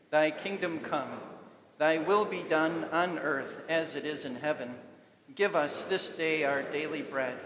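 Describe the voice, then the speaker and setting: A man as pastor leading liturgy and prayer in a measured recited way, his voice ringing with long church reverb. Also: a little high, background noise. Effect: long echoing church reverb. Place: church sanctuary. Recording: echoey church hall with congregation.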